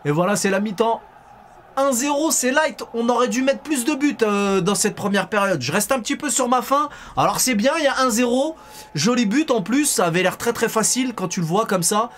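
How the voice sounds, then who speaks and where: A man's voice: very high-pitched, lively intonation, brisk, a bit bright. A man chatting casually and informally in slang as a football streamer giving his verdict on a match. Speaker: football streamer and fan pundit. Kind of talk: casual match debrief chat. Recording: stream with faint crowd and noise.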